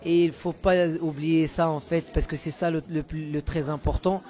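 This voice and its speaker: A man's voice: a little high, fairly even intonation, moderate pace, mellow, soft background music. A Moroccan musician, a man whose first language is Moroccan Arabic, talking casually in an interview and often repeating words while he searches for terms. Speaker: musician guest.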